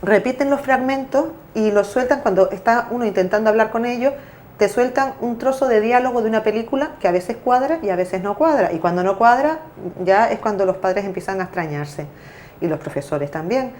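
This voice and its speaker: A woman's voice: on the high side, brisk, darkish tone, a little hiss or hum. A woman, explaining at length as an interview guest, with frequent fillers and self-corrections. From Canary Islands. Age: 40s. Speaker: interviewee, parent and association president. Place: local TV studio.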